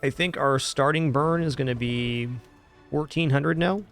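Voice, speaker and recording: A man's voice: fairly high pitch, a little slow, a bit bright. A man giving casual commentary as he streams a video game. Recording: faint game music behind.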